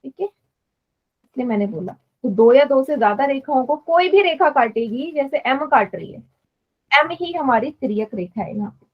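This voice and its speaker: A woman's voice: high voice, lively intonation, normal speed, dull audio. A woman teaching math in a live online class, patiently explaining and quizzing students. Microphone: online class stream.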